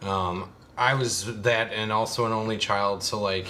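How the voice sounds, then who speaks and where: A man's voice: fairly low pitch, steady tone, a little slow, bright, forceful tone, slight background noise. A man in his late twenties or early thirties co-hosting a podcast, chatting casually in a laid-back, rambling way, swearing freely and laughing often. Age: late 20s to early 30s. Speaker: podcast co-host. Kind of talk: casual chat.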